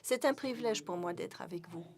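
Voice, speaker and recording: A woman's voice: lowish voice, expressive, brisk, gravelly, crowd noise. A woman giving live interpretation of a speech, with frequent hesitations and self-corrections. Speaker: simultaneous interpreter.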